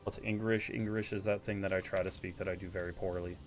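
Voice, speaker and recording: Streaming a game, a man chats casually and pokes fun at himself in a stuffy, congested, slightly nasal voice. He speaks fast in a low register with little pitch movement, and soft music plays behind him.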